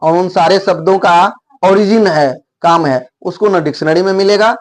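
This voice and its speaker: A man's voice: high-pitched, moderate pace. A man teaching English words in a video lesson, explaining step by step and repeating words to model their pronunciation.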